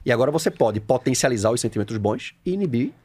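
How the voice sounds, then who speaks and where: A man with a Brazilian Portuguese accent, a coach chatting on a podcast, animated and slangy, acting out little scenes. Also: medium pitch, fast talker, breathy edge. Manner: animated, acts out scenes with shouted quotes, slangy. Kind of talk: casual podcast conversation.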